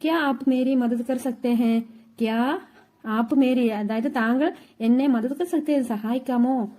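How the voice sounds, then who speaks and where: Mellow woman patiently teaching phrases. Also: fairly high pitch, takes it slowly. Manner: repeats each phrase, glossing word by word. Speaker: Hindi teacher. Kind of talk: language lesson, phrase by phrase.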